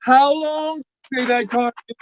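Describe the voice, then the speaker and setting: A man's voice: very high-pitched, steady tone, measured pace, heavy background noise. A man playing a pompous, sarcastic town mayor in old-time radio comedy style, formal and exasperated.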